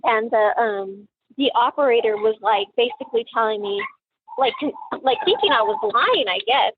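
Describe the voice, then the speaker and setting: A middle-aged woman, a grieving mother, recounting a painful memory in an interview, halting and emotional with many pauses and fillers. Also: on the high side, slight background noise. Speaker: mother of a murder victim. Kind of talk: personal account in an interview. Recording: tinny phone-like sound.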